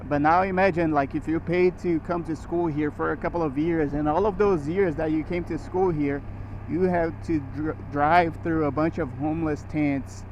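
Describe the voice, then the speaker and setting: A man from Brazil talks loosely as he rides through town on his motorcycle, his voice sitting a little high. He restarts his sentences as he goes. The helmet mic makes him sound dull and slightly muffled, with a faint hum of road noise behind him. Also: fairly even intonation, moderate pace, darkish tone. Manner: rambling, with restarts and short laughs. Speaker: motorcycle vlogger. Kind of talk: casual riding commentary. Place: riding a motorcycle on city roads.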